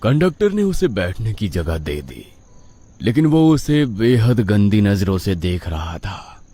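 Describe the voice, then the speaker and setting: A man tells a spooky story in a low voice, unhurried and drawn out. His pitch rises and falls widely to build suspense, and faint background music runs under him. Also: very animated, dark tone, breathy edge, no echo. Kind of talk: dramatic horror story narration.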